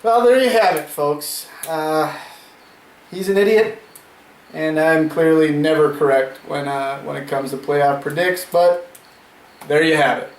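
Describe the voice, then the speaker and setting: Young male co-host, teasing and sarcastic, fairly high voice, echoey room with faint noise. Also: unhurried. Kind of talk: casual fantasy football chat.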